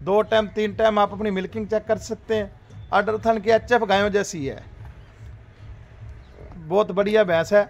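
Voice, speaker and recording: Farm host, high-pitched male voice, upbeat salesman patter in an outdoor cattle yard on a phone mic. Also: steady tone, normal speed, creaky, long pauses, highs cut off. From Rajasthan, India. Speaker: dairy farm host selling livestock. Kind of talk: casual livestock sales pitch.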